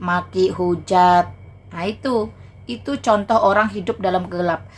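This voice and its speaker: A woman livestream host with a medium-pitched, slightly bright voice preaches combatively, mocking and taunting her viewers and repeating phrases to drive her point home.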